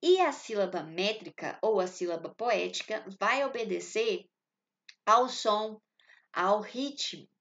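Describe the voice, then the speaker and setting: A woman's voice: mid-range voice, lively intonation, slow pace, a bit bright, dull audio. A woman with a Brazilian Portuguese accent teaching a literature lesson. She explains step by step and often stops to check that the class is following. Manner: explanatory, checks in often with short tag questions.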